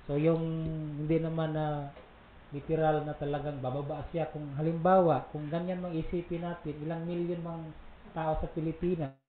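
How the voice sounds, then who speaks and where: A man's voice: a little high, little pitch movement, moderate pace. A man co-hosting a casual religious talk program, explaining at length with asides and laughs. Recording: roomy, tinny phone-like sound with faint noise.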